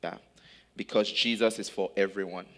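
A man from Nigeria preaching a sermon in English in short phrases, pausing so an interpreter can translate. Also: deep voice, steady tone, vocal fry. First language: not German.

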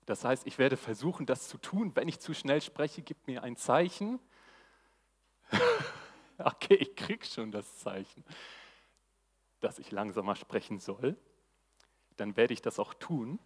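A man's voice: medium pitch, lively intonation, measured pace, long pauses, husky. A man preaching a live sermon to a church audience, eager and exclamatory in his delivery. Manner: enthusiastic, exclamatory. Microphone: handheld mic. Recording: long hall reverb.

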